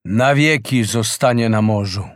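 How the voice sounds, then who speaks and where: A man reading a fairy tale aloud as a slow, expressive storyteller in a close, dry recording. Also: lowish voice, no room sound. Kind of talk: scripted fairy-tale narration.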